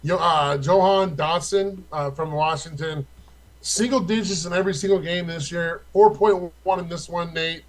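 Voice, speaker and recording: A man's voice: fairly high pitch, fairly even intonation, normal speed, rough recording. A young man co-hosting a casual fantasy football chat, rattling off stats in a loose, profane way.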